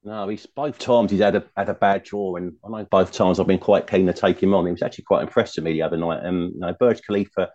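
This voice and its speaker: A male racing pundit talking fast and loosely about his picks, wandering into asides as he goes. His voice is low and mellow. The remote recording sounds dull and lo-fi. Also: fairly even intonation. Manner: chatty, rambling, full of asides. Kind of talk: casual betting chat.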